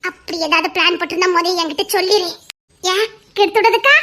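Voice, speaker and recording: A young woman, voicing a cheeky village woman in loud, laughing, bickering audio-drama banter. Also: extremely high pitch, fast talker. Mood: playful.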